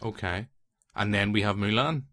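A man in his late thirties hosting a casual film podcast, telling stories with quick asides and lively restarts. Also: fairly low pitch, no room sound, studio quality. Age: 30s. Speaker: podcast host.

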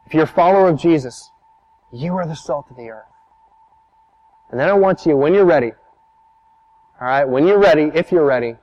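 A man's voice: a little high, animated, a little fast, pauses often, darkish tone, no room sound, highs cut off. A man preaching a sermon as a pastor, telling stories in a conversational, emphatic way.

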